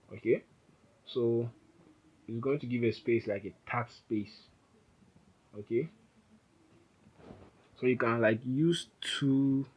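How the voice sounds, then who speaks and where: Casual low-voiced man teaching code. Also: slightly rough, lo-fi sound. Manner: informal, rambling, self-correcting. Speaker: programming instructor. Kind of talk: casual screen-recorded coding tutorial.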